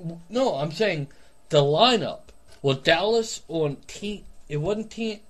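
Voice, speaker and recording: Slightly high-voiced guy co-hosting a podcast, crude jokey back-and-forth banter. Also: animated, slow pace. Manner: crude, joking, argumentative banter. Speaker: podcast co-host. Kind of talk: casual chat.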